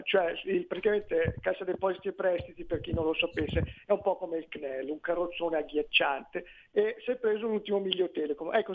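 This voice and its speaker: A man from northern Italy calling a radio show by telephone to give his opinion casually. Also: high voice. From Brianza, northern Italy. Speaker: phone-in caller. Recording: tinny narrow phone line.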